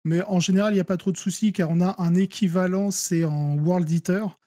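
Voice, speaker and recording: In a relaxed gaming chat, a French-accented man who's a guest player walks through wargame strategy step by step, fairly quickly, in a mellow, high-sitting voice. He drifts into fillers and restarts his sentences, and the close, dry recording has no room sound.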